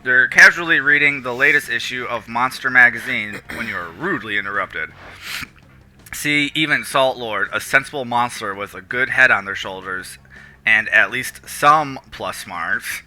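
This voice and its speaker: A man's voice: medium pitch, measured pace, bright, forceful tone. A young man streaming a text game, reading the story aloud in a playful, joking way and slipping into silly voices.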